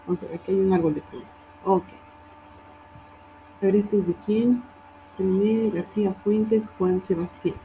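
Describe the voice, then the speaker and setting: Woman teacher going over student work, warm mellow voice, little hiss behind, keeps asking "right?". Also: mid-range voice, fairly even intonation, normal speed, long pauses, poor audio. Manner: corrective, checks in with frequent "¿sí?" and "¿no?". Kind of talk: reviewing student work in class.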